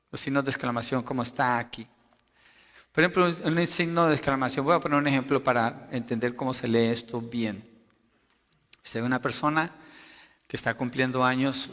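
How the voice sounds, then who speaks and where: A man preaching a sermon, emphatic, rising loud for quotations and dropping low to explain. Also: long reverb tail. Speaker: pastor.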